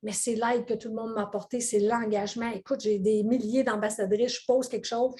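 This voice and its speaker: A middle-aged woman with a Québécois French accent, chatting as a guest in an interview and telling animated stories with many fillers and frequent laughter. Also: on the high side, brisk. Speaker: weight-loss coach, guest. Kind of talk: casual interview chat.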